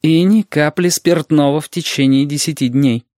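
A man reading an audiobook and voicing a young police inspector who speaks calmly, with a measured, dryly ironic edge. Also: medium pitch, no echo, clean studio sound, voice pushed up, lightly acted. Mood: stern. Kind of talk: audiobook character voice.

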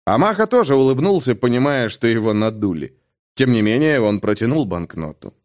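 Male audiobook narrator, dramatic thriller reading, lively rising-and-falling pitch. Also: brisk. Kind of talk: scripted narration.

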